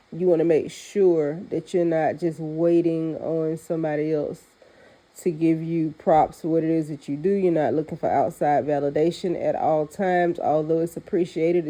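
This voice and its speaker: A deep, mellow-voiced woman offers sincere spiritual advice as a host, speaking off the cuff in a pep-talk style. She's stuffed up after a recent illness, so she sounds nasal, like her nose is pinched.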